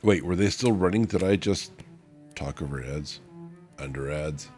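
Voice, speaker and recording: Very low male voice, young adult streamer, tired, rambling casual chat, faint music underneath. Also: measured pace, darkish tone. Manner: rambling, self-correcting, chatty. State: tired, hiccuping.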